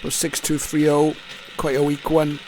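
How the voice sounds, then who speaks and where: This radio hobbyist host has a higher-pitched, monotone, slightly mellow voice at a moderate pace, caught on a low-quality recording with a bit of hiss or hum. He thinks aloud in short, offhand comments while tuning a receiver for a screen recording, its music and signals audible in the background.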